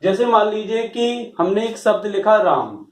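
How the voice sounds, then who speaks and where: A man with a fairly high voice teaches a grammar lesson, patiently stepping through each point and pausing to check understanding. He sounds set back from the mic, and his voice rings in a roomy, echoey classroom. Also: animated. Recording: roomy echo, voice from far off.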